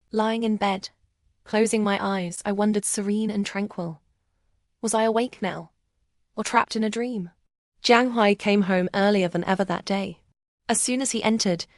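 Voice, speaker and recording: A woman reading a first-person story aloud in an even, subdued way. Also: medium pitch, no room sound, studio quality. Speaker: narrator.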